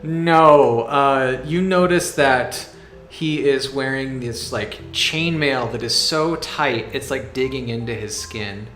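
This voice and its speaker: A man working as game master, narrating a tabletop game casually and haltingly as he thinks aloud. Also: medium pitch, fairly bright tone. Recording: echoey room, faint music behind.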